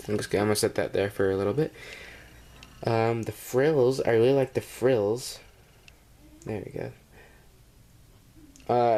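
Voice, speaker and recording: A man's voice: lowish voice, darkish tone. Hesitant man with a cold. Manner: rambling and hesitant, with many fillers. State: has a cold. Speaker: toy reviewer. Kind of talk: casual toy review vlog.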